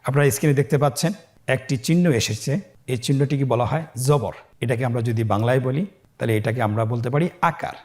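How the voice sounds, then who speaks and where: A man teaching a Quran lesson, patient and encouraging, drawing out syllables slowly as he sounds out letters for learners to repeat. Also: medium pitch, darkish tone. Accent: Bangladeshi Bengali. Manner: slow drawn-out syllables when sounding out letters. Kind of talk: step-by-step lesson, learners repeat after him. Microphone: facing the camera on screen.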